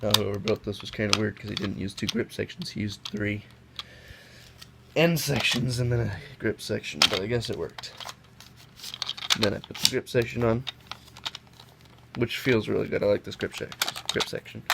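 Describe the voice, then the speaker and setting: With a lowish voice full of vocal fry, this man talks at a normal speed but leaves long pauses. He's a young toy reviewer, sick and sniffling, rambling and correcting himself in a casual hands-on product comparison at an indoor table. Noisy home audio is captured by a camera mic off-screen above the table.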